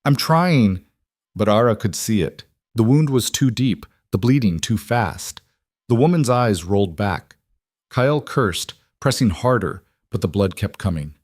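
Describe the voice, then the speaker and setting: A man giving scripted story narration in an even, dramatic storytelling manner. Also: fairly low pitch, unhurried, no echo, clean studio sound.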